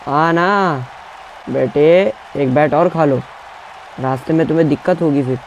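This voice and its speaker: A young man giving excited gameplay commentary, taunting his opponents and barking commands as he plays. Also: a little high, measured pace, highs cut off, a faint crowd, a little hiss or hum. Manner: trash-talking, taunting opponents, shouting commands. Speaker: gaming YouTuber.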